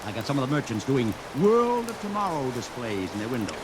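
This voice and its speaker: A man acts the part of a wheeling-dealing publicity man in a vintage radio play, delivering salesman patter typical of 1940s radio. His pitch is medium but swings hugely, and he talks fairly quickly. The recording is old, with loud hiss and rain.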